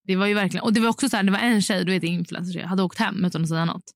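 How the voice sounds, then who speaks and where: A woman's voice: medium pitch, level tone, no echo, clean studio sound. Chatty young woman telling stories. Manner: chatty storyteller who jumps into quoted dialogue. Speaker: podcast co-host. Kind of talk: casual chat.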